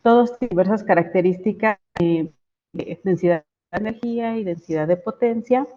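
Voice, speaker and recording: A woman's voice: mid-range voice, normal speed. A woman giving an online lecture, her voice choppy and breaking up over a bad internet connection. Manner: explanatory, steady, with hesitant fillers. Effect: choppy, breaking-up internet audio. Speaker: researcher giving a talk. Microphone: video call. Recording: dull lo-fi video call line.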